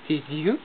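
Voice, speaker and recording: Gasping and sing-song, a father talks baby talk to coax his infant while the mother records the home video on her phone. The recording has a tinny, phone-like quality and loud noise.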